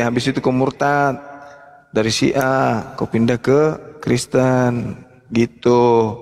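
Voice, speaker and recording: A man's voice: mid-range voice, a little mellow, in a large hall. A man hosting a live-streamed religious discussion, talking bluntly and with mockery. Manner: blunt, mocking. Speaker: host.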